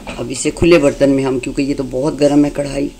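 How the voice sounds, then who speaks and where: A woman hosting a home cooking demonstration, explaining each step calmly and patiently. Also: extremely low pitch, brisk, a little hiss or hum. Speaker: cooking channel host. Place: home kitchen.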